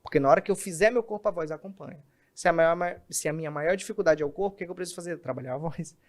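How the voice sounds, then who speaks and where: Animated man explaining. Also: on the high side, rapid-fire. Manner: animated, acts out examples in quoted voices. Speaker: communication specialist guest. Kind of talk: podcast interview, explaining.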